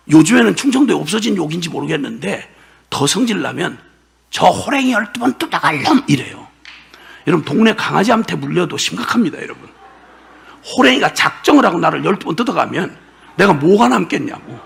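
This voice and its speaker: Older male pastor, emotional sermon testimony, high bright voice, gravelly, shouting outbursts. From South Korea.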